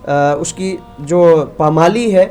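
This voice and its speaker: Earnest male religious scholar, mellow voice. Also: a little high, soft background music. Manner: storytelling, quoting figures in his own voice, earnest. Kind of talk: religious talk on a call-in show.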